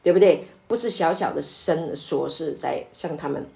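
A woman pastor leading a conversational Bible study, speaking with many drawn-out fillers and hesitations and rising to emphatic exclamations. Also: deep voice, gravelly, warm tone.

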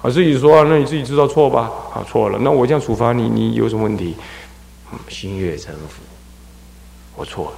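A man from Taiwan, a Buddhist abbot, gives an animated dharma lecture and acts out scolding parents and crying children. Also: medium pitch, fast talker, vocal fry. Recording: echoey hall with long reverb.

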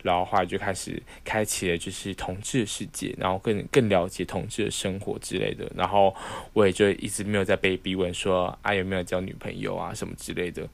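A man's voice: low voice, fairly quick, vocal fry, few pauses. A young man with a Taiwanese Mandarin accent, casually telling a personal story on a podcast and acting out the voices he quotes. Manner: animated, acts out quoted voices. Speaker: podcast host.

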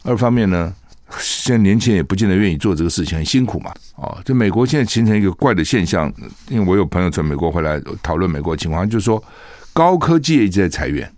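A man's voice: low-pitched, animated, fast talker, a little mellow, no room sound. A man hosting a radio talk show, giving a chatty opinion monologue full of rhetorical asides and tag questions in a studio.

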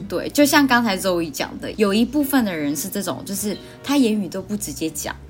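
A woman's voice: mid-range voice, animated, brisk, faint music behind. A woman co-hosting a casual podcast, explaining ideas plainly and answering with short agreeing replies. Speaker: podcast co-host. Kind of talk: casual chat.

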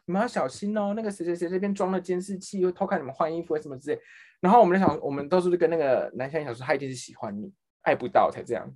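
A man with a Taiwanese Mandarin accent telling a work story in casual podcast chat, acting out the people he quotes. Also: racing. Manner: animated, acts out quoted people with big pitch jumps. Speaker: podcast co-host.

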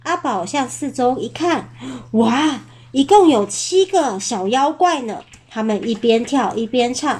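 A woman reading a picture book aloud to a child, gentle and unhurried, stopping now and then to ask questions. Her voice sits fairly high, and she takes her time over each phrase. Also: expressive. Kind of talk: storybook read-aloud.

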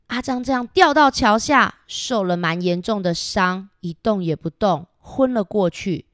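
A woman reading a picture book aloud to young children, animated and asking them questions. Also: mid-range voice, a little slow, dry recording. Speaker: storyteller.

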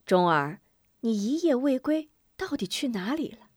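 Woman doing a soft-spoken grieving mother. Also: on the high side, sing-song, measured pace, no room sound, studio quality, voice pushed up. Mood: tender.

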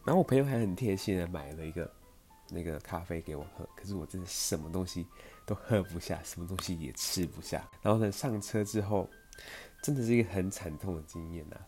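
Man, Taiwanese Mandarin accent, young adult, rambling storyteller, deep voice, soft music underneath. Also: brisk. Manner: chatty, meandering, with many fillers. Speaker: podcast host. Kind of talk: casual personal storytelling.

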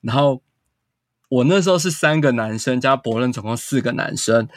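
A man's voice: medium pitch, normal speed, dry recording, studio quality. A man, a guest casually telling a long story full of quoted dialogue. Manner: animated anecdote-telling with quoted dialogue and frequent "然后".

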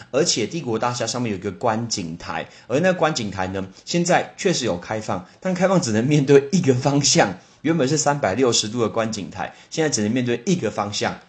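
A man with a Taiwanese Mandarin accent hosting a casual solo podcast lesson, chatting with lively exclamations and spelling out English words letter by letter. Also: mid-range voice.

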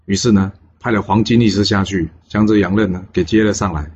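A man retelling a classic legend in a chatty, casual way, pausing on fillers. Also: low voice, steady tone, darkish tone, highs cut off, a little hiss or hum. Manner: chatty, with many pauses on fillers. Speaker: storyteller.

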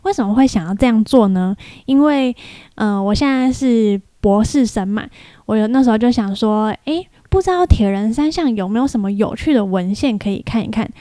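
Chatty young woman, mellow voice. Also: a little high, animated, fairly quick, dry recording. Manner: chatty, mimics other people's voices in quotes. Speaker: podcast host. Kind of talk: casual storytelling monologue.

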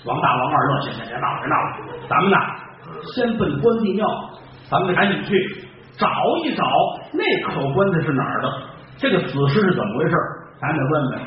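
A man narrates a comic tale live in a theater, slipping into acted voices. His voice is fairly high and swings widely. The recording is distant, dull and strongly echoey, with steady noise. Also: fairly quick. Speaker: comic storyteller. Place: theater stage.

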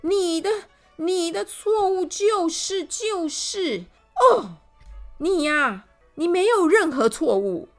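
A blustering, stammering gentleman, put on by a woman reading a children's story, who shouts his complaints, stumbles over his words and repeats everything twice. He sounds offended and fed up, his voice rising loud and high as he rants in a storybook tale. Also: lively intonation, slow, faint music behind, exaggerated voice. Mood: shouting. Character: loud, huffy, stammering male guest fed up with the host.

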